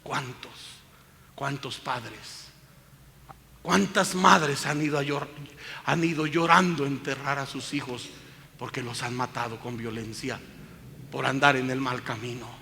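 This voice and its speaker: A man preaching a sermon as a pastor, swinging from loud rebuke to hushed pleading. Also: medium pitch, fairly even intonation, normal speed, creaky. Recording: hall reverb with faint background noise.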